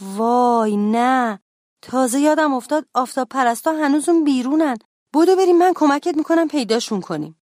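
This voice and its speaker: A woman's voice: sits high, animated, dry recording, studio quality, voice pushed up. A woman voicing a restless, lonely schoolboy who keeps getting into trouble, in a children's storybook reading. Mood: alarmed. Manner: loud, eager and plaintive.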